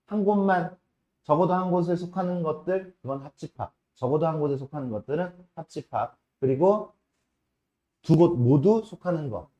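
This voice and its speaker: A man teaching a math class in a casual lecture style, often checking with his students and slowing down to stress key terms. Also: fairly high pitch, warm tone. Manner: casual, asks students frequent checking questions.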